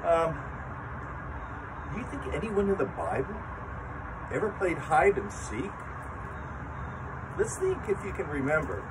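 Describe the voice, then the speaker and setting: An older man with grandchildren leading a lively children's sermon outdoors, talking straight to the kids as he tells a story. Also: fairly high pitch, a little slow, long pauses. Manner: animated storytelling, talks to children. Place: outdoor covered chapel area. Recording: distant mic with traffic noise outdoors.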